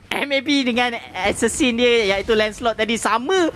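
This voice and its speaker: A man's voice: very high-pitched, moderate pace, fairly bright tone. A Malaysian man works as the analytical esports caster. He speaks in long, formally worded sentences, summing up play as a co-commentator.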